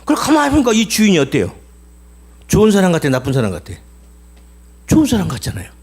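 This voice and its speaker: A man's voice: high voice, fast, slightly rough. A man preaching a sermon, telling a story with many repetitions and questions to the congregation. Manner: animated, repeats himself, asks the congregation questions. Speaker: pastor.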